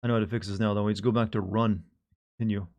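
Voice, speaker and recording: A man's voice: fairly low pitch, fairly even intonation, rapid-fire, darkish tone, a little hiss or hum. Rambling, wry male game streamer. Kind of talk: casual gameplay commentary.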